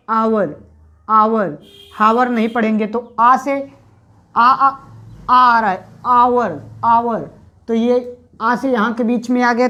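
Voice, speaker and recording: A woman teaching a grammar lesson to students. She asks them questions, answers them herself, and sounds out letters slowly. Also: fairly high pitch, fairly bright tone, lo-fi sound.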